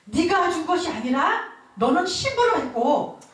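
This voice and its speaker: A woman's voice: very high-pitched, very animated, measured pace. A woman pastor giving an emotive revival sermon, telling her own story with bursts of laughter. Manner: emotive storytelling preaching, laughing as she talks. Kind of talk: revival sermon with personal testimony. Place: large church hall at a revival meeting. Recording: echoey hall heard from far off.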